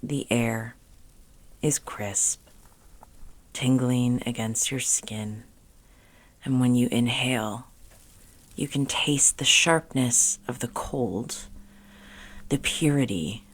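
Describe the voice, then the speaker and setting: Speaking at an extremely low pitch, a woman leads a calming guided meditation. She keeps it hushed and gentle, with intentional pauses and softly trailing phrase endings.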